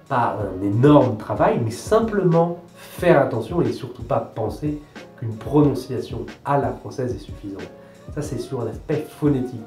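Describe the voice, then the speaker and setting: A man's voice: mid-range voice, dark tone. A young French man coaching viewers on pronunciation, talking in an emphatic, teacherly way and repeating key points. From France. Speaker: language coach. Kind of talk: talking-head language advice video. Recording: echoey room with light guitar music.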